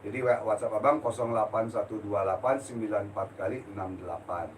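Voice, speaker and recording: A man's voice: fairly low pitch, quick pace. Blunt, breathless older man preaching. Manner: blunt, forceful, street-style. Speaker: spiritual healer. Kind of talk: live-stream religious talk. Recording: distant mic with faint noise.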